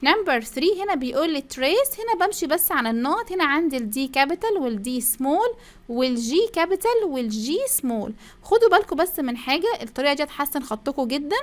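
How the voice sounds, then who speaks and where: High-voiced Egyptian woman teaching children. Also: very animated. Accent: Egyptian Arabic. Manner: drawn-out English phrases, repeat-after-me drills, frequent praise. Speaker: primary school English teacher. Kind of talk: explaining a first-grade English lesson.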